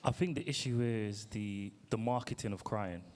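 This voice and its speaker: A man in a casual discussion who talks in a measured way and reasons through his point step by step. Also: fairly low pitch, noisy background. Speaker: panel member.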